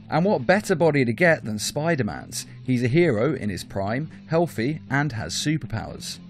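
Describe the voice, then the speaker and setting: A man hosts a scripted top-five video, narrating in a middling pitch that swings widely as he explains and emphasizes points. Gentle plucked guitar plays in the background.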